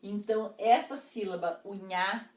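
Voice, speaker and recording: A woman teacher explaining poetic meter to her class, counting syllables slowly and deliberately. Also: mid-range voice, steady tone. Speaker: literature teacher. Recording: echoey room.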